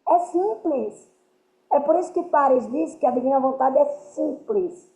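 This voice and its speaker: A woman's voice: high-pitched, unhurried, warm tone. A woman giving earnest spiritual teaching to a group, often checking that her listeners understand. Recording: roomy, dull lo-fi sound.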